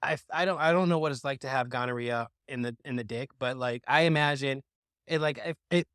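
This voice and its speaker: A man hosting a casual podcast chat, telling lively stories and backing up his guest with quick agreement. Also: mid-range voice, clear, resonant tone, no room sound, clean studio sound. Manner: animated storyteller, quick listener backchannels. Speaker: podcast host.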